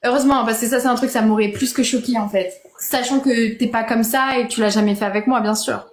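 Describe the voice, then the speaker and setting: A woman's voice: a little high, fairly even intonation, fast. A young woman chatting casually on a live stream, often seeking agreement with little tag questions, in a roomy, noisy recording. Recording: roomy, echoing, noisy pickup.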